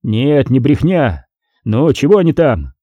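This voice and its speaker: A man's voice: medium pitch, sing-song, a little slow, mellow, no room sound, muffled recording. A man voicing a stubborn, grim medieval envoy back from the Horde. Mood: grave. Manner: stubborn, grave.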